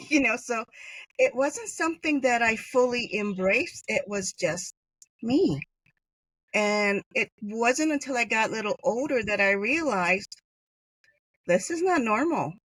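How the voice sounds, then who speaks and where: A woman's voice: a little high, expressive, measured pace, a bit bright, no echo. A middle-aged woman from Hawaii, a podcast guest chatting through personal stories with many fillers. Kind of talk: conversational storytelling interview.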